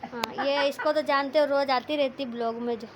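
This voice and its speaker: A woman's voice: sits high, steady tone, moderate pace. A young woman from India with a Rajasthani Hindi accent, chatting to her viewers in a casual village vlog and rambling through everyday stories. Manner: chatty, rambling storytelling to camera. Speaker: village vlogger. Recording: noisy phone recording.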